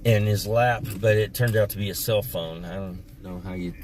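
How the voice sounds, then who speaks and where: A man hosting a casual livestream from inside a car, telling animated, joking stories. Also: lowish voice, moderate pace. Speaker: livestream host. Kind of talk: casual chat while driving. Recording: distant mic, car road noise.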